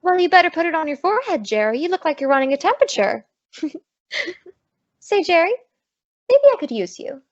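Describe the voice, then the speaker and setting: High-voiced wisecracking Maisie, played by a woman. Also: sing-song, normal speed, pauses often, no echo. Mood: teasing. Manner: sassy, slangy delivery. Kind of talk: old-time radio comedy acting. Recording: dull lo-fi close dry recording.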